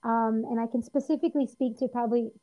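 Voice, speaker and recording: A woman telling a personal story in an interview, earnest and lively, with frequent restarts and fillers. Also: on the high side, quick pace, muffled recording. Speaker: interview guest.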